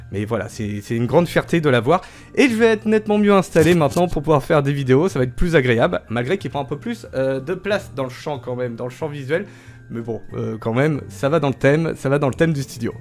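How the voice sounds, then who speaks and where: A young man chatting casually in a vlog from his home studio, full of fillers and self-mocking laughs. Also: fairly high pitch. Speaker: YouTuber showing his Christmas gifts.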